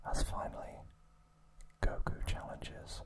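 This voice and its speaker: The man hosting this ASMR video whispers softly and breathily as he reviews trivia, taking deliberate pauses and shaping each phrase with care.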